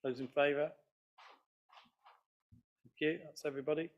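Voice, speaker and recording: A man serving as mayor, chairing a council meeting in a brisk, procedural way with a mildly wry touch. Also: fairly high pitch, steady tone, lo-fi sound.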